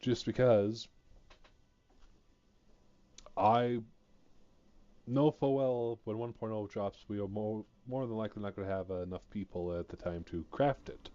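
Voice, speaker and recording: A man's voice: fairly low pitch, normal speed, warm tone, dull audio. A man chatting casually on a gaming stream, rambling and hesitant, full of fillers, sounding a bit sleepy. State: sleepy, yawning.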